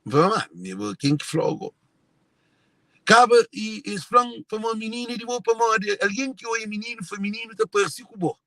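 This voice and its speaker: A Cape Verdean man, telling a personal family story, speaks emotionally to viewers and circles back repeatedly to his own phrases. His high-pitched voice is fairly quick, pushed and bright, in a dry recording.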